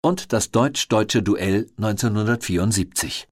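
A man's voice: on the low side, measured pace, no echo, clean studio sound. A man reading a scripted historical narration as a documentary narrator.

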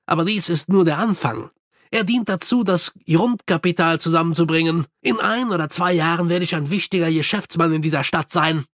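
A man voicing an eager, shifty young male street vendor with fast sales patter in an audiobook. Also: fairly high pitch, fairly bright tone, no echo, clean studio sound, natural voice. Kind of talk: audiobook character voice.

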